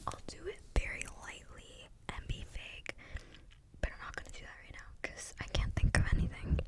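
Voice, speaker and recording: A young woman gives a rambling, unscripted ASMR talk in a breathy, clicky whisper, very close to the mic as if right in your ear. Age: young adult. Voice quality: breathy, unvoiced whisper with clicky mouth sounds. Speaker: ASMR video creator. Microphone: close microphone without cover.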